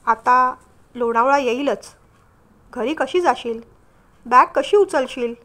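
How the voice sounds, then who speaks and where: A caring but stern young divorced man in a storybook reading, as a woman narrator voices him. He speaks firmly, with concern under the scolding. The voice sits high. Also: lively intonation, normal speed, fairly bright tone.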